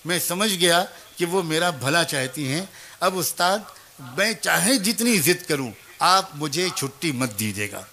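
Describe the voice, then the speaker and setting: A man in a sermon voicing a humble, tearful young orphan boy who pleads softly with his teacher. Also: a little high, animated.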